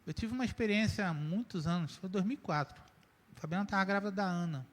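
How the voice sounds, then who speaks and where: A man's voice: high-pitched, fast talker. Emphatic male preacher in echoing hall. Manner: emphatic, swings between loud urging and quiet reflection. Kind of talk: sermon. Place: church sanctuary. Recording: church hall with long reverb and faint music.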